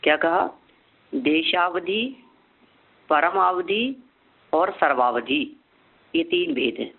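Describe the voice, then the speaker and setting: A man teaching a scripture lesson, asking and answering his own questions and repeating key terms slowly so they can be memorized. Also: a little high, animated. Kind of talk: scripture lecture. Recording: phone-like narrow sound.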